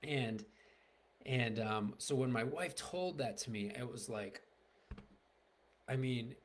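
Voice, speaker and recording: A man's voice: medium pitch, slow. A middle-aged man, a marriage and family therapist, candidly telling a personal story to the camera, rambling with many fillers and restarts.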